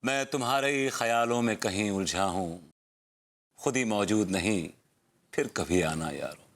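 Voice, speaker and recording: A man's voice: fairly low pitch, expressive, a little slow. An actor playing a boastful but cowardly husband in a sitcom, swinging between bragging and dramatic, whiny pleading, mixing English phrases into his speech. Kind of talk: sitcom acting. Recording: TV sitcom with noticeable noise.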